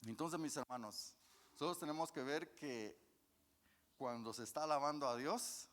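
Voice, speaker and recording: A man's voice: fairly high pitch, normal speed, a bit bright. Folksy preacher man in a reverberant church. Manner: folksy, addresses the congregation as brothers, asks and answers questions. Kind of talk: sermon. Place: church hall.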